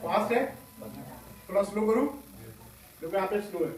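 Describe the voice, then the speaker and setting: A hoarse man leading a school workshop, quizzing pupils with call-and-response questions in a classroom. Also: high voice, moderate pace, distant mic, slight background noise. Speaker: workshop trainer. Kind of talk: classroom talk to students. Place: large echoing school classroom. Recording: echoey classroom taped from afar, student chatter. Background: students murmuring.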